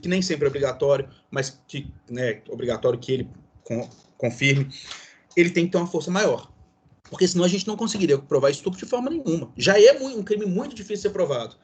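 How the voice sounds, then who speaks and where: A man's voice: a little high, darkish tone, breathy edge. A man from Brazil with a Brazilian accent, giving a classroom law lecture as professor, explaining with many fillers and tag questions. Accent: Brazilian Portuguese.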